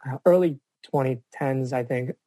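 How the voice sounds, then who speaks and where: Man, podcast guest, mellow warm tone, dry close mic, earnest, reflective. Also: medium pitch, moderate pace, no echo. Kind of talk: casual interview chat.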